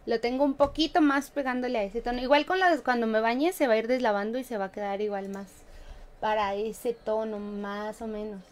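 A high-pitched Mexican woman chats playfully with her live-stream viewers, laughing often and humming little tunes between remarks. She has a light, bouncy way of talking. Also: steady tone, a little fast. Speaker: game streamer.

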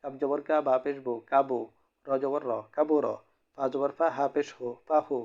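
A man teaching Quran reading, spelling out syllables and repeating them in a slow, rhythmic drill. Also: medium pitch, little pitch movement, a little mellow. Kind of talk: slow spelled-out recitation lesson. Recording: dull lo-fi recording.

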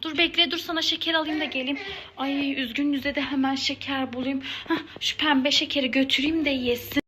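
A woman's voice: sits high, steady tone, a little fast. A woman playing a mother in an acted family comedy skit, fussing and exasperated as she repeats her pleas again and again.

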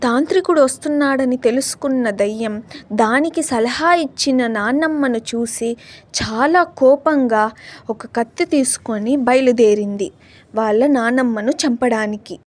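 A woman narrating a scripted cartoon story in an even, storytelling manner. Her voice sits high. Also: moderate pace.

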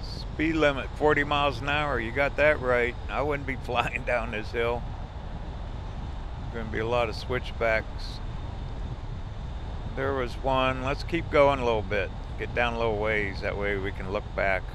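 Traveling by RV through the mountains, a man with a mid-range voice offers slow, relaxed road trip commentary. He's chatty and quickly charmed by the scenery as he drives and pauses at pull-offs, with road and vehicle noise audible outside.

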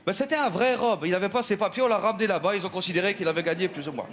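A man's voice: sits high, very fast, fairly bright tone, a little hiss or hum. A man playing a chatty, gossiping middle-aged housewife in a stage comedy sketch, rambling and full of asides. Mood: gossipy.

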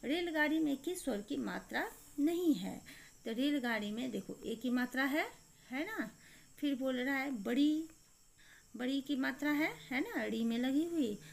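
Slightly gravelly teacher woman guiding children. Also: high voice, expressive, measured pace. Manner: explains step by step, often asking the children questions and answering them herself. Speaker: primary school teacher. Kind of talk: recorded textbook lesson for young children.

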